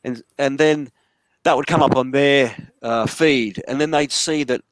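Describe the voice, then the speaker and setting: A man's voice: medium pitch, a little slow, dry recording. Male interview guest, mid-range voice, dry close sound, rambling storyteller. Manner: rambling storytelling with frequent restarts. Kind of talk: conversational interview. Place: lives in a large city.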